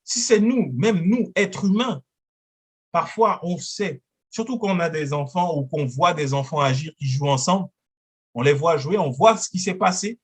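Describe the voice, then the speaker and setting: A man's voice: on the high side, lively intonation, normal speed, breathy edge. A man preaching a sermon as pastor, earnest, often acting out prayers and little dialogues in his own voice.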